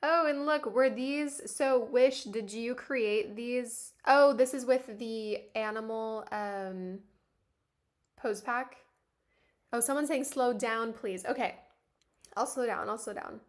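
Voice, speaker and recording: A woman's voice: a little high, slow pace. A woman streaming live, reading a webtoon aloud and reacting with lots of giggles.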